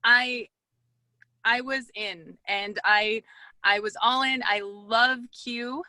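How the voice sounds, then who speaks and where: Woman, upbeat and chatty, bright tone, slightly high voice, headphone mic, parked car. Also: steady tone, takes it slowly, dry recording, poor audio. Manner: upbeat, chatty with frequent ums. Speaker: guest speaker. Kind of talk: casual online talk.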